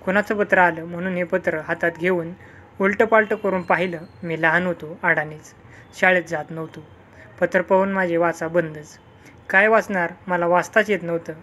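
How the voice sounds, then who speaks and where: A storyteller narrating a village folk tale. The reading is calm and steady, at a middling pitch. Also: moderate pace, slight background noise.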